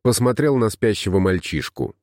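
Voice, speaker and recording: A man narrating an audiobook in a steady storytelling manner. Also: on the low side, moderate pace, dry recording, studio quality. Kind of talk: scripted narration.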